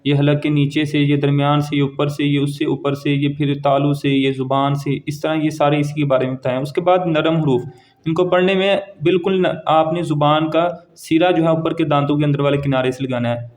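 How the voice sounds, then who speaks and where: A man teaching Quran reading, slowly drawing out each Arabic letter three times and giving brief explanations in between. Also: fairly high pitch, flat delivery, a little mellow. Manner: slow, drawn-out repetition of each letter, three times over; quick plain explanations between recited letters. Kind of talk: letter-by-letter recitation lesson.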